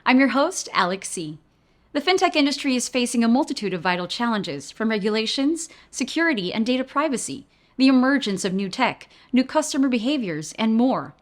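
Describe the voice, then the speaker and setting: A woman's voice: fairly high pitch, a little fast. A woman host delivering a polished, scripted introduction to the show. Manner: polished, even read-out delivery.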